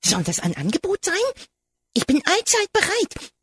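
A man voicing a hectic, eager male squirrel in a storybook, breathless and excitable. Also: very high voice, unhurried, a little hiss or hum, voice pushed up, exaggerated voice.

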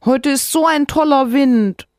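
A woman voicing a little sick girl in a storybook reading, with a high, childlike voice. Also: unhurried, a little mellow, no echo, studio quality.

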